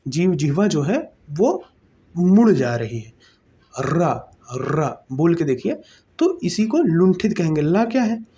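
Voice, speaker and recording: This unhurried, sing-song speaker has a medium-pitched, mellow, slightly rough voice, recorded with the highs cut off. In an exam-prep grammar lesson, they lay out each step, ask themselves questions and then answer, repeating terms and checking in often.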